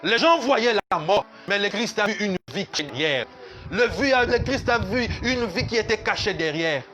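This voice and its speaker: A man's voice: high-pitched, lively intonation, moderate pace, pushed and bright, soft background music. A man pastor, preaching a sermon at a church service in an emphatic, repetitive way that slips into sung lines.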